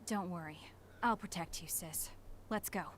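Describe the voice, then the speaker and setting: A woman's voice: fairly low pitch, normal speed, slight background noise, natural voice. A woman playing a protective older sister. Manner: calm, firm and guarded.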